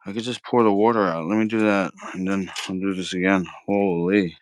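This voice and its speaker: A deep, brisk male voice with fairly even intonation is recorded with no room sound. He hosts a live cooking stream, cooking while he rambles in slang, spars with his chat and keeps saying "bro."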